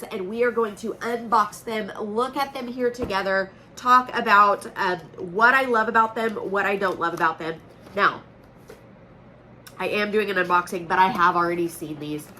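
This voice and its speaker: This woman, a direct-sales consultant and channel host from Oklahoma, USA, chats through a casual product unboxing at home, sounding stuffed up from allergies but cheerful and folksy. Her mid-range voice moves at normal speed and comes across pushed and bright. The recording is rough, with slight background noise from a loud air conditioner.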